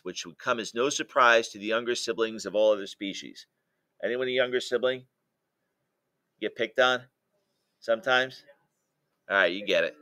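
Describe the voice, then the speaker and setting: A male teacher reading a picture book aloud to a class, pausing to explain jokes and quiz his listeners. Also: mid-range voice, sharp tone, no room sound.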